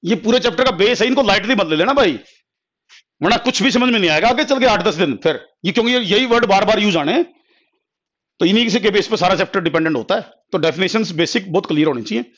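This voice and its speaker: High animated guy teaching physics, says everything twice, dull lo-fi sound. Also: fast talker. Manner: repetitive, explains step by step, calls students "beta". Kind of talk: classroom lecture. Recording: dull lo-fi recording.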